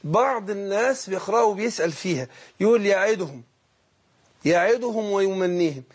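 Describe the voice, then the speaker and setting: A middle-aged man with an Egyptian accent teaching Quran recitation on a call-in lesson, patiently explaining and drawing out the recited words slowly. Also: sits high, lively intonation, slightly rough. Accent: Egyptian Arabic.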